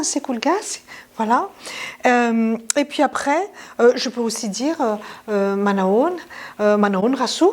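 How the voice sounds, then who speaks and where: A woman's voice: on the high side, a little mellow. A woman teaching a language lesson in a casual, chatty way, with many fillers and restarts.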